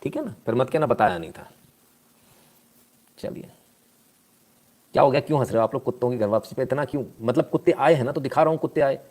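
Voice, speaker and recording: A man hosting a casual live news stream, talking at a middle pitch. He is sarcastic and scolding, and reads out and answers viewer comments as he goes. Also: fast talker, pauses often, darkish tone.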